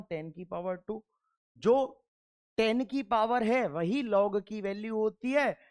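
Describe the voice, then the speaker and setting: A male chemistry teacher lecturing through worked problems. He talks in a stern, emphatic way, fires questions at the class and answers them himself. He drives home each point by repeating it. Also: high-pitched.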